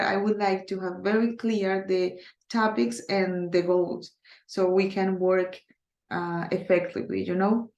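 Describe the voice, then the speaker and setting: In a gravelly, mid-range voice with a roomy sound, a native Spanish speaker from Colombia, who has a Colombian accent, gives a casual recorded online Spanish class in English. She hesitates often, uses many fillers, and deliberately keeps her pace slow.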